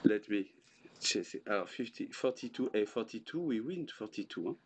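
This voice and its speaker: An older man, a native French speaker, talking in halting, jokey English with a French accent on a casual livestream. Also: on the low side, lively intonation. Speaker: guest dad on a livestream. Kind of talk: casual livestream chat while scratching lottery tickets. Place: small indoor room. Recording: clearly noisy livestream room sound.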